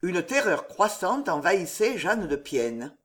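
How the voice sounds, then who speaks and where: A woman narrates a historical novel with a lively, melodic voice that swoops and dips. Her delivery is slow and deliberate, in a dramatic storytelling style. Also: lowish voice. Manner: expressive, dramatic reading. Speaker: audiobook narrator. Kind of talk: scripted narration.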